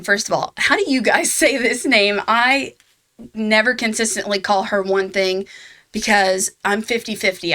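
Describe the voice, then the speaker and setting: A woman's voice: mid-range voice, bright, forceful tone. A woman hosting her own game guide video, talking casually and laughing at herself now and then. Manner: chatty, laughs at herself, fillers. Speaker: gaming channel host.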